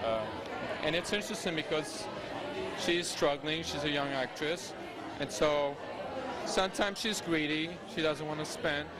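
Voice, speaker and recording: Halting man over loud crowd chatter. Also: fairly high pitch. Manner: hesitant, halting, explanatory. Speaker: artist being interviewed. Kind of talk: informal interview answers. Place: public art gallery, indoors.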